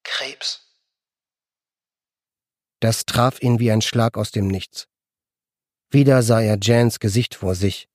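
A man's voice: fairly low pitch, steady tone, measured pace, darkish tone, no room sound, clean studio sound. Man narrating an audiobook.

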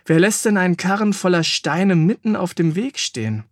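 A man voicing a fierce, commanding warrior mother in a children's audiobook, in a high, sharp, threatening tone. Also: animated, normal speed, no room sound, studio quality. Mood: surprised.

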